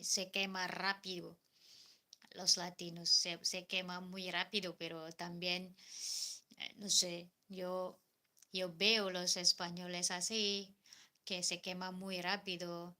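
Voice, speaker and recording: Slow, bright-voiced Indonesian woman host. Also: lowish voice. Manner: repeats phrases, many "eh" fillers, simple non-native Spanish. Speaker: live stream host. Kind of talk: casual live stream chat about culture.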